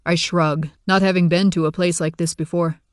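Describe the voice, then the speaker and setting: A man's voice: fairly high pitch, flat delivery, moderate pace, clean tone, no room sound. Wry first-person audiobook narrator, man, dry close mic.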